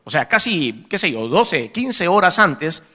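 A Salvadoran preacher giving a testimony, his voice bright and fairly high as he tells an animated story. He keeps turning to the congregation as brothers, and his pitch swings widely. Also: unhurried. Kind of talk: sermon testimony.

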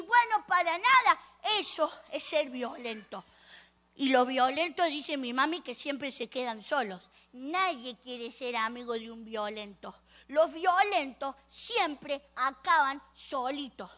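A woman telling an animated story for children, asking the audience questions. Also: high voice.

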